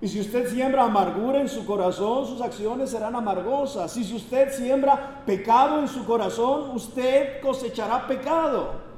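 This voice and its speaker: A man's voice: very high voice, normal speed, a little mellow, slight background noise, pitched above the performer's own voice. A man voicing a male preacher who asks patient questions and preaches with fervor, in an echoey hall. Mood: didactic. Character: earnest male preacher reasoning calmly.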